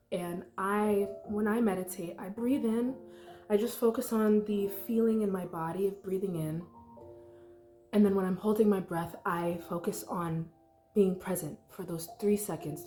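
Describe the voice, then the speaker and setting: In her apartment, a meditation vlogger leads a casual, unscripted guided meditation, her medium-pitched voice warm in tone though she sounds congested. The young woman rambles, filling her speech with plenty of "likes" and "ums." Faint music plays in the echoey room.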